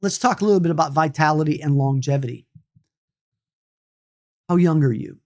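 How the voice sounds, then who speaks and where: A man in his late fifties, with a slightly high and somewhat mellow voice at a moderate pace, gives a loose, conversational lesson on energy healing and meditation. He restarts often, repeats himself and wanders into asides.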